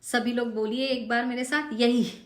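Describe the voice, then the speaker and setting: A woman gives a recorded lesson on reciting a devotional hymn, speaking slowly and patiently. She draws out each example syllable in a mid-pitched voice. The recording carries a noticeable room echo. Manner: slow, patient, drawn-out example words. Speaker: teacher of Sanskrit hymn pronunciation.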